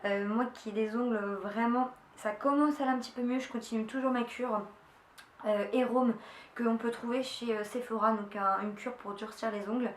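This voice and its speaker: A young woman records a casual beauty haul video at home, speaking at normal speed in a slightly high, steady voice. She's excited and keeps restarting and using fillers, while the echoey room brings faint ambience and a little hiss or hum.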